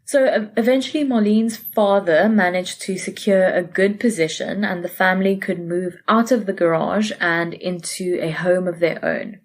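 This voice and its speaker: A woman's voice: lowish voice, normal speed, hardly any pauses. A woman casually recounting a true case on a podcast, chatty and self-correcting, laughing easily. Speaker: podcast co-host presenting a case. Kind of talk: casual conversational storytelling.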